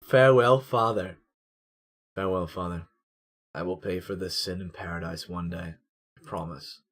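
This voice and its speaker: A man voicing a remorseful young male knight, speaking in a quiet, solemn way. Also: on the low side, moderate pace, breathy edge. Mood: grieving.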